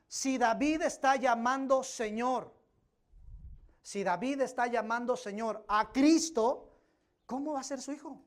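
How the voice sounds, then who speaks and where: Preacher, emphatic Bible study sermon voice, repeats key points to the congregation. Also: mid-range voice. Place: church service.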